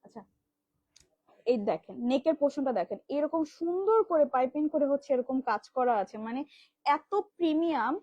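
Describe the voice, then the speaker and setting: A woman from Bangladesh hosts a live online sale of kids' dresses, her voice high and her talk racing along in filler-heavy patter. The sound is close and dry, with a dull, lo-fi livestream quality. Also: animated, brisk, no room sound. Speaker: live sales host. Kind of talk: live product demo selling kids' dresses.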